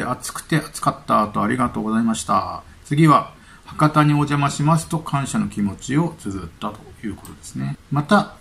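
A man's voice: on the high side, gravelly. A man hosting a casual vlog from home, chatting loosely while eating and reading news items aloud with his own remarks. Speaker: channel host.

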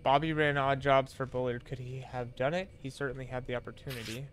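A man's voice: medium pitch, steady tone, a little fast, slight background noise. Hesitant, um-filled man playing a game. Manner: hesitant, full of ums and self-corrections. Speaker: game streamer. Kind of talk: casual game playthrough commentary.

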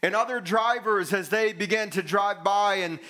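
High, bright-voiced earnest preacher. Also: male voice, normal speed. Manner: earnest, emphatic, repeats key lines for stress; gestures broadly while walking the stage. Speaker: pastor. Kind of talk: sermon. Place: church stage with stage lighting.

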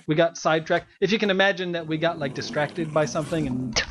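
A man's voice: fairly high pitch, fast talker, fairly bright tone, slight background noise. A man co-hosting a Let's Play, chatting casually in a rambling, self-mocking way and laughing often. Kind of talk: casual gameplay chat.

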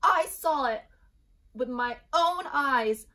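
A woman voicing an excitable, panicked little female chick in a storybook, with emphatic, drawn-out alarm. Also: sits high, pitched above the performer's own voice, exaggerated voice. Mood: insistent, dramatic.

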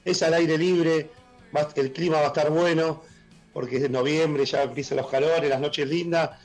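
A middle-aged Argentine man with a worn, husky voice, a blues musician talking enthusiastically on a casual radio interview over a video call. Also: on the high side, steady tone, faint music behind, poor audio. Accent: Argentine Spanish. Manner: enthusiastic, halting with fillers. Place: room at home, joining by video call.

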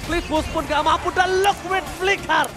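A man with an Indonesian accent commentating a video game like an excited fighting game announcer, with dramatic drawn-out calls and English catchphrases. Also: very high-pitched. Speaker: esports shoutcaster. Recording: loud music and crowd behind. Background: game music and crowd.

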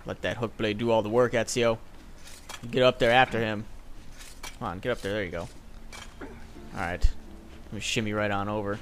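A man's voice: on the low side, steady tone, normal speed, long pauses, slight background noise. A young man casually commenting on his gameplay, sarcastic and swearing, joking at his own mistakes. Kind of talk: casual let's-play commentary.

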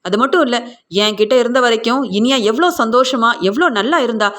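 A woman's voice: on the high side, quick pace, natural voice. Woman doing an angry accusing father. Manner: accusing, hectoring. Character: angry middle-aged father, blaming ex-wife.

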